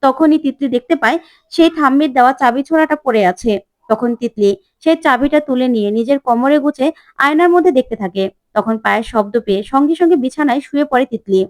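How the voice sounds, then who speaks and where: Woman recap narrator, high and fast, dry booth sound. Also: darkish tone, no echo. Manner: brisk retelling. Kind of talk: soap-opera episode recap.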